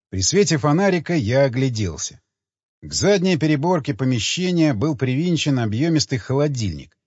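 A man reads a first-person thriller aloud, his voice husky with a lively, wide-ranging lilt. He sits close to the mic in a dry space. The audio is slightly dull and lo-fi. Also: medium pitch, no echo. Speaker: audiobook narrator.

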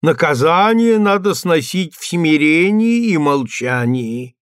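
A fanatical old village priest, as a male reader puts him on, preaching in drawn-out, fervent tones that climb high and swing widely. He sounds close and dry. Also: expressive, clean tone, no echo. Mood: preachy.

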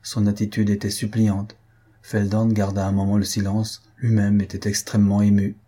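Man, audiobook narration, low voice, husky, mellow, measured. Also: monotone. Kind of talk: scripted narration of a classic novel.

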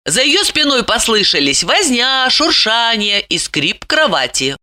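A woman narrating an audiobook with a lively, theatrical reading. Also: on the high side, a little slow. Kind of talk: expressive scripted narration.

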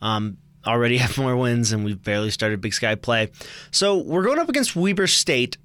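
A man's voice: mid-range voice, lively intonation, moderate pace, a bit bright, clean tone, dry recording. A young man co-hosting a casual college sports preview, chatty and joking, often stumbling and correcting himself. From United States. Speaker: sports show co-host.

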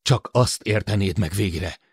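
A man voicing a weary leader who speaks calmly and grimly about duty and blame, in a spoken audiobook. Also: deep voice, slightly rough, dry recording, studio quality, heavily acted. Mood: grim resigned.

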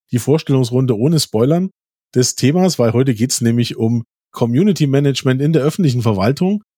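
A man's voice: mid-range voice, darkish tone, dry recording. Guy hosting a podcast in a studio, upbeat and informal, dry sound. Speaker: podcast host.

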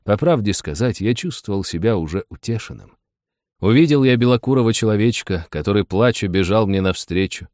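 A man narrating an audiobook, telling the story with lively, expressive delivery. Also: fairly low pitch, fairly quick, no room sound, studio quality. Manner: lively storytelling with voiced asides.

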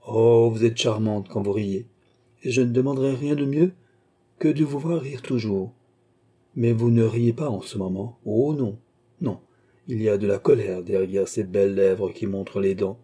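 A man voicing a courtly cardinal who flatters and coaxes a countess in an audiobook. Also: fairly low pitch, normal speed, husky. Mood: coaxing gallant. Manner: gallant, coaxing, flattering. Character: adoring, courtly older male cardinal.

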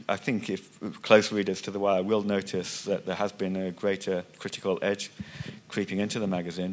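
Hesitant deep-voiced man on a panel. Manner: hesitant, many restarts and fillers, loses thread. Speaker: panelist, music magazine writer. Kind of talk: unscripted panel discussion. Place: conference hall panel.

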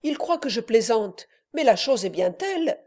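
A woman voicing a cheerful, hungry young peasant man in a storybook reading, speaking loudly and with gusto. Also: on the high side, sing-song, moderate pace. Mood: chatty. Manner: loud, exclaiming, jovial.

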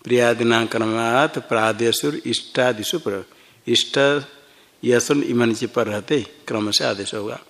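A man's voice: mid-range voice, a little slow, a bit bright. A man teaching a classroom Sanskrit grammar lesson, explaining each form step by step and quizzing his students as he goes. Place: ashram classroom.

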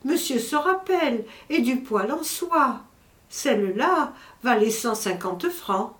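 A woman's voice: fairly high pitch, expressive, slow, a bit bright. A woman reading an audiobook voices a distraught male household servant, wailing his exclamations. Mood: plaintive. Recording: roomy echo.

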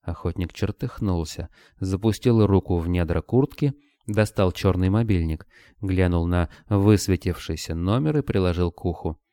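A male narrator reads in a very deep, dark, smooth voice at a steady, measured pace. The recording is close and dry, with no room sound. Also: no echo. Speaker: audiobook narrator. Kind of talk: scripted narration.

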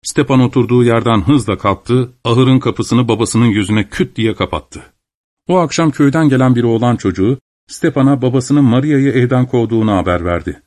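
A man narrating an audiobook in a steady, storytelling manner. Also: mid-range voice, moderate pace. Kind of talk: scripted narration.

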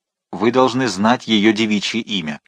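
A man voicing a vengeful man disguised as a monk, speaking slowly, hard and commanding. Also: lowish voice, a bit bright, dry recording. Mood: probing.

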